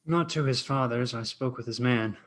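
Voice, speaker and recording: A man playing a level-headed young kinsman who gives brisk, plain replies. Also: medium pitch, natural voice, rough recording. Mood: matter-of-fact.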